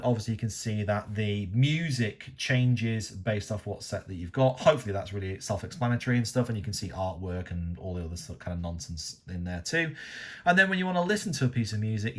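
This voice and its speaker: A man with a fairly low voice talks through a screen-recorded software tutorial. He is chatty and loose, rambling a little and checking in with the listener as he goes. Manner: chatty, rambling, lots of "you know" and "okay?". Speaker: DJ tutorial host.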